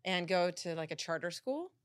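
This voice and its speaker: A woman with a SoCal accent speaks in a slightly low register, recorded close and dry. She tells personal stories casually as a podcast guest, quoting her own reactions and peppering them with "like.". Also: expressive, normal speed, no room sound. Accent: Southern Californian. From San Diego, Southern California. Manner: informal, peppered with "like" and quoted self-talk. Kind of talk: casual chat, telling personal anecdotes.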